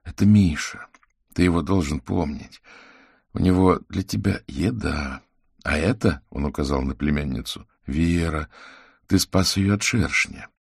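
A man voicing a calm adult sorcerer who speaks gently and patiently. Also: sits low, measured pace, gravelly, husky, dry recording, studio quality, heavily acted. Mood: soothing. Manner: soft and reassuring, drops to a hush.

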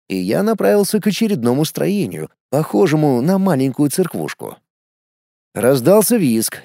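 A man reads a first-person adventure audiobook in a lively, animated way, his pitch moving a lot. His tone is dark and mellow, somewhat higher than most men's. The close recording is dry, with no room sound. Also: no room sound. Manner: lively storytelling with shouted character lines. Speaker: audiobook narrator.

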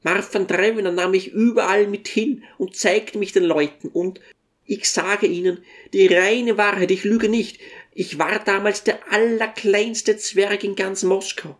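A reader voicing a tiny, humble old dwarf who tells his story with gentle deference in an audiobook. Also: mid-range voice, steady tone, measured pace, natural voice. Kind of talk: audiobook character reading.

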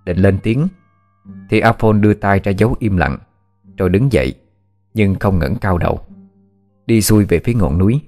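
Deep-voiced man telling a ghost story. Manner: measured, steady storytelling. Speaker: narrator. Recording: faint background music.

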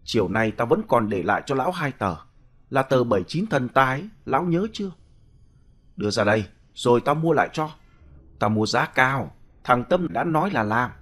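A man's voice: medium pitch, expressive, moderate pace, lightly acted. Male narrator doing a greedy, taunting young thug, crude and menacing, storybook audio drama. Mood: coaxing.

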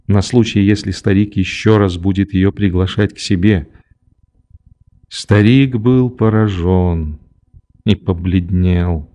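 A man reading a classic novel aloud as an audiobook, in measured, unhurried scripted narration. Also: lowish voice, dark tone. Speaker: audiobook reader.

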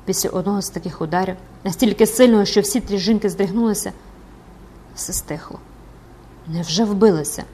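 Woman reading an audiobook, dramatic and expressive, mid pitch. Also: fairly quick, slightly rough. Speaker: audiobook narrator.

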